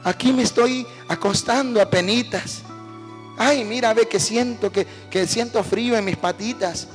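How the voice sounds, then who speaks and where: A man's voice: high-pitched, normal speed, soft background music, natural voice. A man mimicking a cooing flirty woman. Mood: coy.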